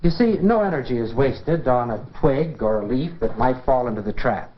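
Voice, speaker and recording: An American man presents a 1950s educational science film, explaining things in a folksy, conversational way and posing rhetorical questions. His mid-range voice has lively intonation and a moderate pace, and the film soundtrack sounds dull.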